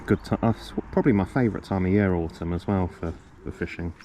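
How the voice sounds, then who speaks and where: A man with a fairly low voice walks through his fishing kit in a loose, rambling way, full of ums and self-corrections. He has a bit of a cough. Recorded outdoors, with clear background noise behind him. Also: fast, mellow. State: coughing a lot. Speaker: fishing vlogger. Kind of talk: casual gear walkthrough. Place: outdoors on a riverbank.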